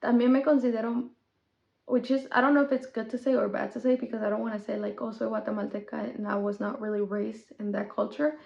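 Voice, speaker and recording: A talkative young woman, chatting casually as a podcast host and switching between English and Spanish. Her voice sits a little high, with a gravelly edge. The sound is echoey and slightly dull. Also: level tone, fast, a little mellow. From Mexico. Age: 20s. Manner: chatty, code-switching, with small laughs.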